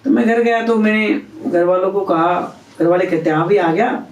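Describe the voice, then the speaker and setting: A man's voice: high-pitched, moderate pace. A young man telling his story in an interview, acting out the dialogue of the people in it. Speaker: interview guest. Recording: roomy, distant from the mic.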